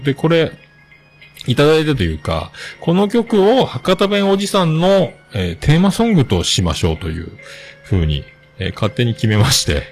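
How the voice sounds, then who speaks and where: A man with a hosting a casual solo talk show, rambling and chatty with many fillers. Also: on the low side.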